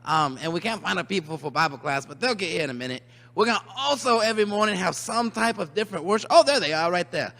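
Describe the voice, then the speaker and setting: Man, high bright voice, mock-earnest kids' presenter, emphatic, repetitive, long hall reverb. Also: lively intonation, fast talker, creaky. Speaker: children's camp presenter. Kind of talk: comic rules announcement to children with props.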